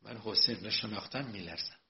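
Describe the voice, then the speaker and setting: Gravelly guy preaching a religious lecture, goes quiet then loud, muffled old recording. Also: fairly low pitch. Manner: swings from soft storytelling to loud emphatic preaching. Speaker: cleric lecturer. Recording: dull lo-fi recording.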